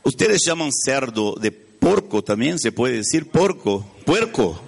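His voice is mid-range, creaky, and very animated, yet his pace stays unhurried. He is a native Portuguese speaker from Brazil with a Brazilian Portuguese accent, giving a storytelling sermon in Spanish while asking his listeners questions and hunting for words.

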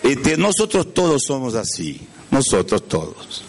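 A man's voice: medium pitch, wildly swooping pitch, unhurried. A man from Brazil with a Brazilian Portuguese accent, a native Portuguese speaker, preaching a storytelling sermon in Spanish. He often asks his listeners questions and searches for words.

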